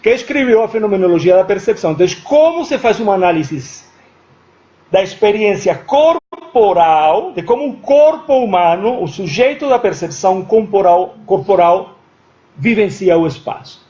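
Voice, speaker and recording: A man's voice: sits high, expressive, normal speed, dark tone. A man giving an academic lecture, thinking aloud with restarts and often checking in with "certo?" after his points. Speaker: guest lecturer. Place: university lecture room. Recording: dull lo-fi recording.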